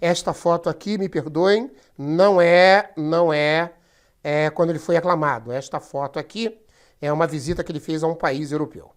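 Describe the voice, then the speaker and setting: Low-voiced woman teaching history. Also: normal speed. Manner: chatty, explains step by step, addresses students as gente. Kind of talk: recorded class lecture over slides.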